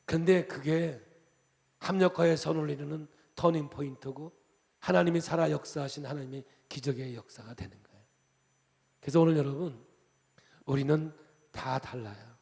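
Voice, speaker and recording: A male pastor from Chungcheong preaching a revival sermon, animated and jokey, swinging between loud and soft. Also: fairly high pitch, normal speed, creaky, pauses often, big-room sound. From Chungcheong, Korea.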